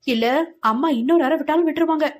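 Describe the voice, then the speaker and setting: A woman's voice: high voice, fast talker, pitched above the performer's own voice, lightly acted. A woman voicing a cheeky teenage younger sister who speaks urgently.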